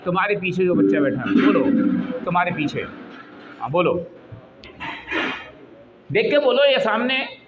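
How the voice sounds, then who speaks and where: A man teaching a class, coaxing and scolding students and leading them through slow recitation. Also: high voice, big pitch swings, background noise. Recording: dull echoey hall, students audible.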